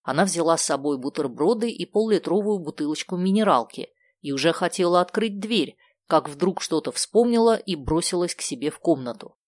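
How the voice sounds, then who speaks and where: A woman narrating a children's book in a steady, clear storytelling manner. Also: fairly low pitch, fairly quick, few pauses, no room sound. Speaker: audiobook narrator. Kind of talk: scripted narration.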